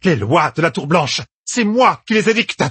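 A man doing a shrill enraged tyrant woman. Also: expressive, fairly quick, husky, no echo, exaggerated voice. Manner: shrill, haughty, shouting. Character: furious tyrannical older woman, imperious ruler.

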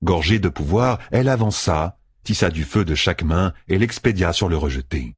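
A man reading a fantasy novel aloud as an audiobook narrator, in a measured, even way. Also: sits low, breathy edge, dry recording.

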